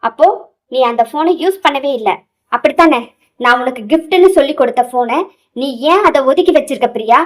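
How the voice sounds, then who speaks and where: A woman's voice: high voice, lively intonation, a little fast. A woman voicing a hot-tempered young husband who demands answers, in an audio novel. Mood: heated. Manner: shouting, demanding.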